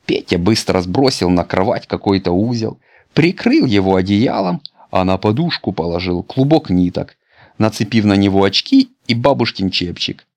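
A man reading a children's fairy tale aloud, in an expressive, animated manner. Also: lowish voice, moderate pace. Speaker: narrator.

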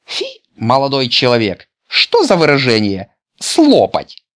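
A man's voice: medium pitch, huge pitch swings, unhurried, fairly bright tone, pitched above the performer's own voice. A man voicing a prim, fussy old grandmother who corrects others' manners, in a children's storybook reading.

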